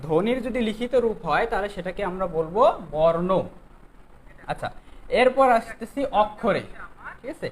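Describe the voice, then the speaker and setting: A teacher runs an exam-prep grammar lesson at a mid-range pitch. The teacher keeps putting questions to the students and checking that they have followed. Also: slight background noise, poor audio. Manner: quizzes students, keeps asking "okay?".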